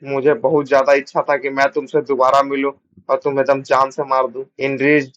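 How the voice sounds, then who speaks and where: A man's voice: mid-range voice, monotone, fairly quick, fairly bright tone, highs cut off, natural voice. A man voicing an arrogant, gloating male enemy swordsman who taunts his rival, in a comic recap. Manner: taunting, menacing.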